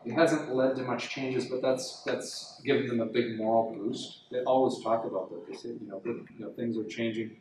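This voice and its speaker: In a university classroom, a middle-aged journalist and guest speaker answers audience questions, rambling with many fillers and restarts. His mid-range, darkish voice is steady, at normal speed with few pauses. A distant camera with no mic picks up echo and slight background noise.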